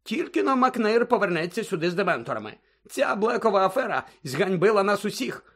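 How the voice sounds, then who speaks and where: A man's voice: sits high, sing-song, brisk, fairly bright tone, voice pushed up, full character voice. A man voicing a pompous, boastful middle-aged male minister in an audiobook. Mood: gloating. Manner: pompous, self-satisfied, raised voice.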